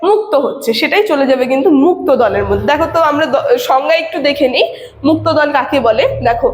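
High-voiced woman teacher, echoey room. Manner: repeats "ঠিক আছে" and asks rhetorical questions. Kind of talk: explaining lesson to students. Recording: echoey room with long reverb.

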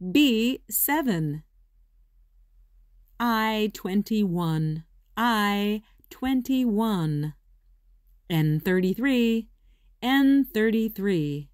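A woman working as a bingo caller, announcing in short, measured, deliberate calls and repeating each one. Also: medium pitch, darkish tone, no echo, studio quality. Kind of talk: bingo calling, each number announced twice.

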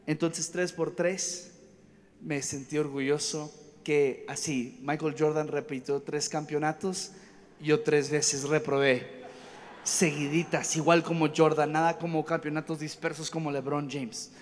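A man's voice: on the high side, unhurried. A young man preaching a storytelling sermon at a conference. He rambles from one anecdote to the next, jokes and acts out voices. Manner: animated, rambling, jumps between stories. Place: conference hall stage. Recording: reverberant hall, faint ambience.

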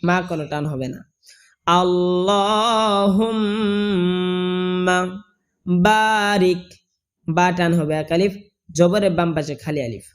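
A man with a Bangladeshi Bengali accent and a fairly high, slightly mellow voice teaches correct recitation. He explains each sound, then chants the phrase in a slow, drawn-out way.

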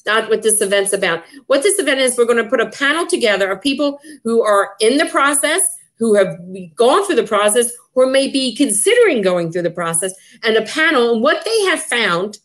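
Woman hosting, kinda high voice, chatty and excited, lots of um and you know. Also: fairly quick, few pauses. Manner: enthusiastic, repeats herself with many fillers. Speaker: association president hosting. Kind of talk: casual promotional chat.

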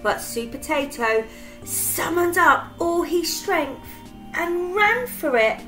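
Expressive woman reading a picture book. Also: extremely high pitch, slow pace, soft background music, low-quality recording. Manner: expressive, dramatic storytelling. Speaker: children's story reader. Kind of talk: children's picture book read-aloud.

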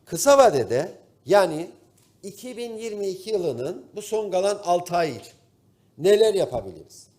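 A member of parliament with a Turkish Cypriot accent gives a formal speech into the podium microphone at the rostrum of the parliament chamber, addressing his colleagues. His voice is high-pitched and slightly mellow with big pitch swings, and he pauses often with drawn-out fillers.

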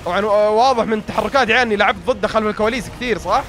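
A man's voice: high-pitched, racing, fairly bright tone, slight background noise. A young man with a Gulf Arabic accent giving casual gameplay commentary, grumbling and joking at himself, his voice tired and strained. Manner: grumbling, self-mocking, talks straight to viewers. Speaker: gaming YouTuber.

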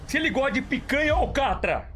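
High-pitched Brazilian man with a slushy lisp. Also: expressive, fast, sharp tone, slight background noise. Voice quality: hoarse, raspy. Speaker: game streamer. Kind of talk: casual livestream chat. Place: indoor room, streaming setup.

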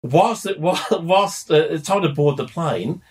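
A middle-aged man telling a story on a podcast in a casual, animated way, laughing and restarting often. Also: on the high side, takes it slowly. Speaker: podcast co-host.

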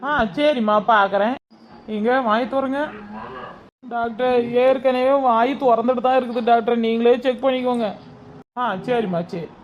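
A woman doing a brisk, cheerful local doctor. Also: fairly high pitch, fairly even intonation, dull audio, close to an everyday voice.

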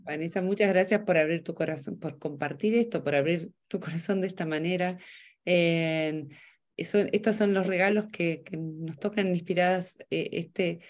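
A woman's voice: on the low side, normal speed, darkish tone. A woman moderating a video call discussion, thanking a speaker and inviting questions with many fillers.

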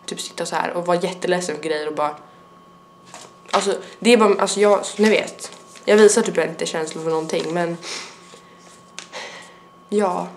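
A woman's voice: on the low side, steady tone, pauses often, slight background noise. A young adult woman with a stuffy nose, rambling in a casual vlog chat with lots of fillers. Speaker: vlogger.

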